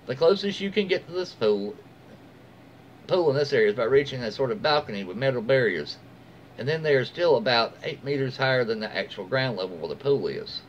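An American man in his forties informally reads online posts aloud as a storyteller, sometimes stumbling over words and correcting himself. He has a medium-pitched, lively, fairly quick voice, recorded in a small room at home on a dull lo-fi mic with faint background noise.

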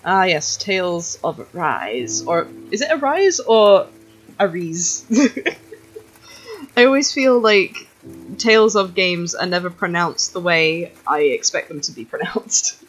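Lively, chatty woman streaming her drawing. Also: on the low side, measured pace, rough recording. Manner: chatty, laughs often, reacts to viewers' comments. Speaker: art streamer. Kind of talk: casual chat while drawing on stream. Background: faint background music.

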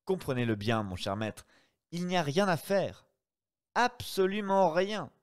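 A man reading aloud voices a grandiloquent, teasing gentleman thief who talks with showy, swinging pitch. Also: measured pace, smooth. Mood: mocking. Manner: theatrical and teasing, with lively swings.

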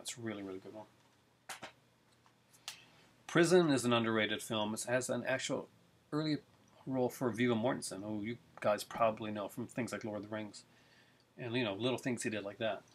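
On the low side in pitch with a breathy edge, a middle-aged man talks a little fast and pauses often. He's casually and eagerly rambling about his film collection with lots of fillers, a casual video review recorded on a close webcam in his living room.

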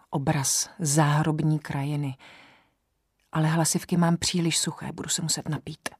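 Low-voiced woman narrating a novel. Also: a little mellow, no echo, clean studio sound. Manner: measured first-person storytelling. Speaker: audiobook narrator.

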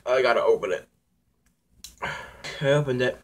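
A young man filming a hot sauce challenge vlog, talking casually to viewers and reacting loudly as his mouth burns. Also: mid-range voice, a little slow. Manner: excitable, talks to viewers, reacts loudly to heat. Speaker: vlogger.

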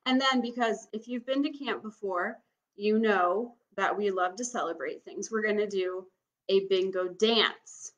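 A woman's voice: mid-range voice, a little slow, rough recording. A young adult woman hosting as a bingo caller, casually explaining and repeating items for an online audience in a room at home. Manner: bingo caller announcing and repeating each item, instructional. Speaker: bingo caller, camp game host. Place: small room at home, indoors.

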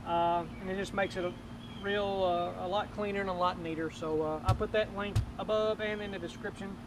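A man's voice: high voice, steady tone, a little fast. A middle-aged man hosting his fishing channel, giving a casual, rambling tour of his boat outdoors with lots of ums and uhs. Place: outdoors beside a boat on a lawn. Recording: noisy outdoor camera audio.

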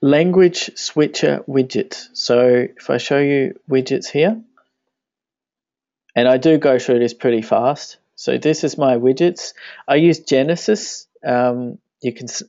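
This screencast walkthrough features a web tutorial instructor, a Danish native speaking English, whose mid-range voice carries a gravelly edge. He chats casually and thinks aloud, describing every click while mouse clicks sound in the background. The recording is flat and dry, with no echo.

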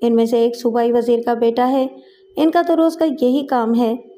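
A woman's voice: fairly high pitch, fairly even intonation, moderate pace, warm tone, close to an everyday voice. A woman voicing an indifferent male policeman in a story, speaking offhandedly. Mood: dismissive. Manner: offhand and dismissive.

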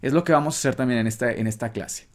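A man teaching a beginner language lesson, patiently repeating phrases for the listener to copy. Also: mid-range voice. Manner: patient, slow and repetitive, drills phrases.

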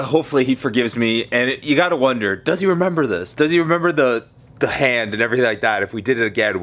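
A man in his thirties talking casually to camera as a vlogger, recorded indoors on a handheld camera at arm's length. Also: medium pitch. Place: small carpeted living room indoors. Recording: clear background room noise.

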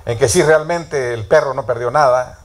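A man's voice: medium pitch, normal speed. A man preaching a sermon in a storytelling way, often asking the congregation questions. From Latin America.

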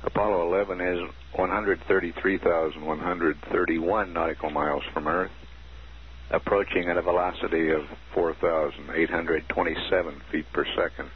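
A man with a very low voice delivers crisp, measured mission status reports, reading out one figure after another. His voice comes through a muffled radio transmission, dull and lo-fi like an old archive broadcast. A faint hiss runs underneath. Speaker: mission control commentator. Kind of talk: formal status announcements.

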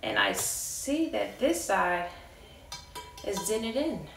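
Recorded by a camera several meters off, this American woman in her thirties vlogs an unboxing in her carpeted living room, chatty, playful, and casual. Her mid-range voice swoops wildly in pitch, moves slowly, and turns creaky, with faint music behind. The echoey, distant room is full of loud clattering from handling.

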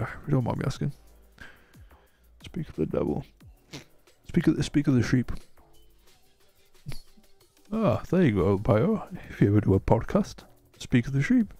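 A man chatting casually while streaming a game, rambling and hesitant, with a croaky, sleepy voice. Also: medium pitch, dark tone, dry recording. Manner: rambling and hesitant, many restarts. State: sleepy, yawning. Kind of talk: casual live-stream chat.

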